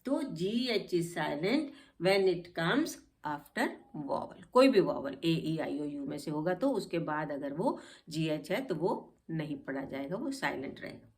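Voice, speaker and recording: Slow, patient woman teaching spelling. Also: sits low, sing-song, a little mellow. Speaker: English teacher. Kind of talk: spelling lesson explained in Hindi.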